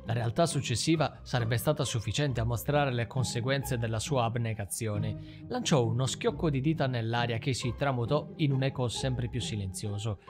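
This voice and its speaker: A man reading stories aloud as the host of a storytelling channel, in a calm, even manner. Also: mid-range voice, normal speed, hardly any pauses. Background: background music.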